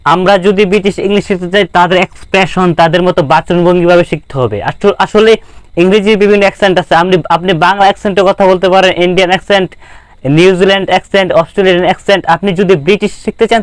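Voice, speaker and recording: Young man, Bangladeshi Bengali accent, high voice, smooth, earnest and repetitive, informal lesson. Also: steady tone, quick pace, dry recording. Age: young adult. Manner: repetitive, restarts phrases, earnest and encouraging. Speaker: spoken English teacher. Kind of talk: informal lesson talk to camera.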